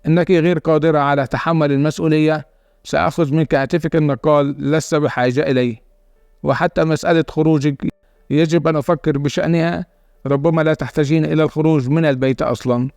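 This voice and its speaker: A man voicing a stern, controlling elderly grandmother in a spoken story, with a gravelly, fast delivery. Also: fairly high pitch, steady tone, darkish tone, no echo, soft background music. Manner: stern, commanding.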